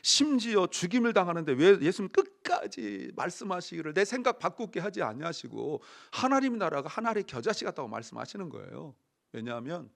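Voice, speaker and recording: A middle-aged man preaching a Sunday sermon as pastor, telling stories lively and acting out the voices of the people he quotes. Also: high voice, creaky.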